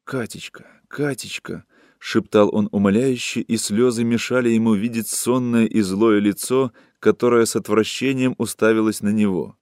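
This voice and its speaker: A man narrating a literary story aloud in a steady, measured way. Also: lowish voice, clean tone, no room sound, studio quality. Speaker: audiobook narrator.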